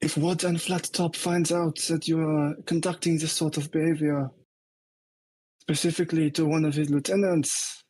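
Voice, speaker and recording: A man's voice: on the high side, level tone, moderate pace, darkish tone, slightly rough, pitched above the performer's own voice, low-quality recording. A man playing a haughty, exasperated lieutenant in a tabletop game, condescending and mock-polite as he makes cool threats. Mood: exasperated, quietly threatening.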